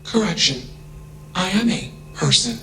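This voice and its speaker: Emotionless, literal AI character, played by a man: flat delivery, unhurried and slightly gravelly, labels each statement. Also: high-pitched, heavily acted. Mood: flat, robotic. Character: emotionless self-aware AI, curious and literal. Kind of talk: video game voice acting. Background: game music.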